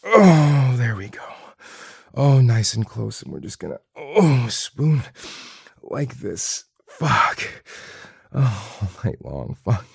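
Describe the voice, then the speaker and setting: Male voice for close-mic intimate audio: slow, husky and gravelly, dry close sound. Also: medium pitch, very animated, no echo. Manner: breathy, sighing, murmured delivery with many soft moans. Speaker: erotic audio performer. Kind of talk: intimate whispered roleplay monologue.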